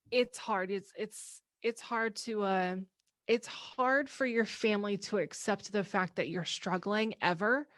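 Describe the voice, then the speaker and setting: A woman's voice: medium pitch, a bit bright, dry recording, clean studio sound. A woman in her thirties hosting a podcast, talking candidly in casual chat and laughing often. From American Midwest. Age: 30s. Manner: candid and talkative, with frequent laughs. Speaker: podcast host.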